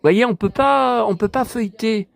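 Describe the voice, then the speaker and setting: A man casually vlogging about collector books, excitable and rambling, talking straight to his viewers. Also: sits high, moderate pace, creaky, no echo.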